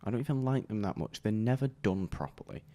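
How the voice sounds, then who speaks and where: A British man talking casually as a podcast guest, with a dry, deadpan sense of humor. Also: lowish voice, a little fast. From Britain. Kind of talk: casual chat.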